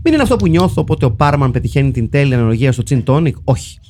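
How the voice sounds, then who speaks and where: A man's voice: mid-range voice, very animated, darkish tone. A man co-hosting a casual film podcast, joking dryly and reading out listener comments. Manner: dry ironic jokes, reads listener comments. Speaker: podcast co-host.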